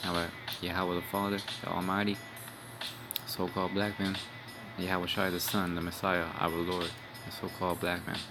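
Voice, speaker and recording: In a low voice with a completely flat delivery at normal speed, a young man gives a rambling street-style sermon for an informal religious video. He curses bluntly, adds "man" and "all right" to his lines, and music plays behind him.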